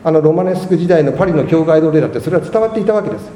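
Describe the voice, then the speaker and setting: A man's voice: expressive, racing, dark tone, a little hiss or hum. A man preaching a sermon as pastor, with emphatic delivery, and ending in prayer. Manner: emphatic preaching with dramatic pitch swings. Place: church hall. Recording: echoey church hall.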